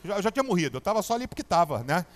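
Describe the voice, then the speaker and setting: A Brazilian man preaching a sermon as pastor, colloquial and animated, telling a personal story. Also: high-pitched, very fast. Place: church.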